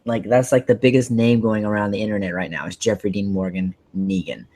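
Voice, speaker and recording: A man hosting a casual podcast, rambling excitedly with lots of fillers and restarts. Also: fairly low pitch, brisk. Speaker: podcast host.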